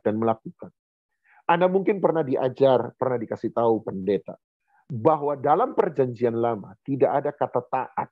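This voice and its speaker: A middle-aged man preaching a sermon as a pastor, lively and animated, repeating phrases for emphasis. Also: mid-range voice, breathy edge, no room sound. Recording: phone-like narrow sound.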